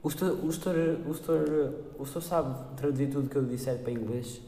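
A teenage boy with a European Portuguese accent, hosting a podcast, teasing his teacher playfully with loud bursts. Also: on the high side, fairly quick, vocal fry. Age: teens. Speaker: student podcast host. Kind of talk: casual chat. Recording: echoey room with long reverb, faint noise.

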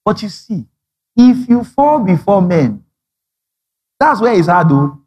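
Lively pastor, slightly high voice. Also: male voice, slow pace, slightly rough. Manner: animated storytelling, acting out dialogue, frequent laughter. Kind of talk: sermon.

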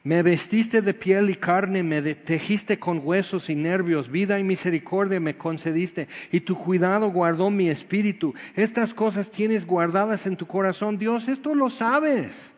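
A man preaching a sermon with a higher-pitched voice, jumping from loud bursts to low quiet asides. The sound is muffled and dull. His voice rings with a long reverb, as in a large hall. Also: normal speed, few pauses. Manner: animated, swings between loud exclamations and low quiet asides. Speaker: pastor.

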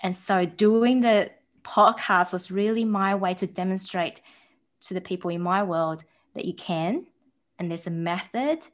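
A woman in her thirties from Taiwan with an Australian-tinged accent, chatting as a podcast guest in a bubbly, animated way. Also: mid-range voice, measured pace. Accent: New Zealand and Australian. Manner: bubbly and animated, acting out quoted voices. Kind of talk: casual interview chat.

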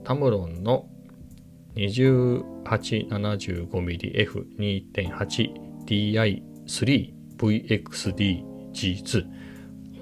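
Low, gravelly man chatting over guitar. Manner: rambling, chatty, sometimes drops to a hushed low voice. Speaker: camera vlogger. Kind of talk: casual chat. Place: at home with family in next room.

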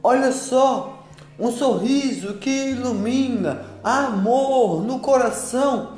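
A man voicing a cheerful magic fairy in a storybook song, chanting slowly in a sing-song way. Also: extremely high pitch, a little mellow, pitched above the performer's own voice. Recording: roomy echo, faint instrument behind.

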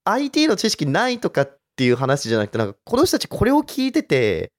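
A man co-hosting a podcast in casual chat, relaxed and often laughing. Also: quick pace, no room sound, clean studio sound. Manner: relaxed, laughing, wide swings in pitch. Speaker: podcast co-host.

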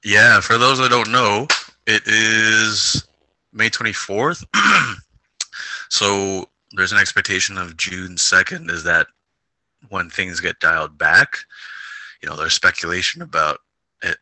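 Twenties guy cohosting a podcast, bright punchy voice, dry close sound, laughs a lot. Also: fairly low pitch, no room sound, low-quality recording. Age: 20s. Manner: laughs often, loose and rambling. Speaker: podcast co-host. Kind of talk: casual chat.

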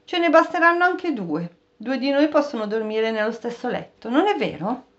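A man's voice: very high-pitched, very animated, moderate pace, a bit bright, highs cut off, full character voice. A woman voicing a breezy, practical male traveller in an audiobook reading. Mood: easygoing.

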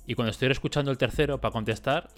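Joking young Spanish podcast co-host. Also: male voice, mid-range voice, racing, soft background music. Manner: joking, self-mocking, swears freely. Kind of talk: casual chat.

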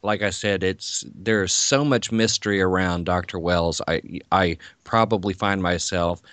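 Low-voiced man chatting on a podcast. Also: fairly even intonation, measured pace, fairly bright tone, dry recording. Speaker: podcast co-host. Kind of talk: casual chat.

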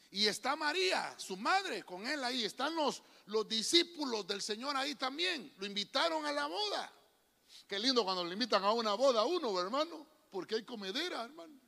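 A man's voice: very high voice, animated, normal speed, creaky, sharp tone. A man preaching a sermon, calling out to the congregation and often calling them brother. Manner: calls out to congregation, repeats "hermano". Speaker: pastor. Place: church hall. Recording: long hall reverb.

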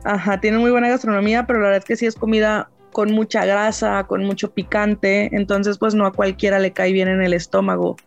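A podcast guest from northern Mexico, with a northern Mexican accent, chats frankly, firmly and talkatively in a casual conversation. Her mid-range voice is creaky and flat, fairly quick with hardly any pauses. The audio is dull, with soft music in the background.

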